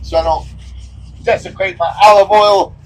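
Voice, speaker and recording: Laid-back joking guy cooking bbq outside, high voice, faint noise around. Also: steady tone, moderate pace, rough recording. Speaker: barbecue show co-host. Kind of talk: casual cooking demonstration.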